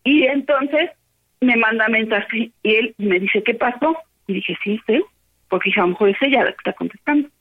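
A high-pitched woman with a Mexican Spanish accent, clearly upset, races through an animated retelling of a quarrel and voices both sides of it. She comes through a narrow, tinny phone line. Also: normal speed. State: upset, agitated. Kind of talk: casual phone chat, retelling an argument.

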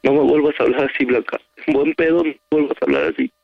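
Angry, foul-mouthed Mexican man, gravelly on the phone. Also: mid-range voice, big pitch swings, fast talker, no room sound. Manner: angry, curt, threatening to leave. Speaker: prank call victim on a radio show. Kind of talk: heated phone argument. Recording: phone call on radio.

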